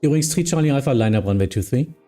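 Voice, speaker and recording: A man streaming as an air traffic controller, mixing procedural clearances with casual chat. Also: mid-range voice, expressive, very fast, warm tone, soft background music.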